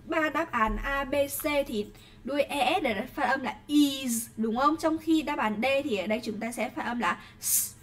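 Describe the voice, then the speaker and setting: A woman with a Vietnamese accent teaches an English class online in a high voice. She pronounces English words slowly and deliberately, then speeds up when she explains. She keeps checking in with her students as she goes. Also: a bit bright.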